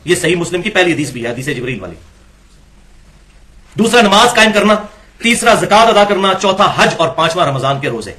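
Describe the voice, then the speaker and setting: A man's voice: sits high, big pitch swings, bright, forceful tone. A man giving an Islamic lecture, reading passages from books and challenging them with rhetorical questions. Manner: argumentative, rhetorical questions, critiquing texts. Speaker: religious lecturer.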